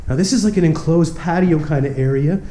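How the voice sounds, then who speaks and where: There's a faint hiss or hum behind this young man's fairly high, mellow voice as he moves a little quickly through an abandoned, empty mansion. Stuffy from a cold, the urban explorer host stays cheerful and keeps talking to viewers, calling them "guys."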